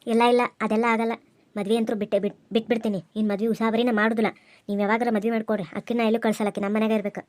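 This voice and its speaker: A woman's voice: a little high, little pitch movement, rapid-fire, darkish tone, natural voice. A woman voicing a greedy, scheming middle-aged village mother, with a North Karnataka Kannada accent and a grumbling manner. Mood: defiant.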